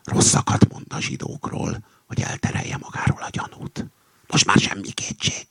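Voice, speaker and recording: A man voicing an anxious, conspiratorial male rooster in a fable reading, often hushed and whispering. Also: low-pitched, wildly swooping pitch, gravelly, no echo, full character voice. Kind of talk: acted reading of a satirical fable.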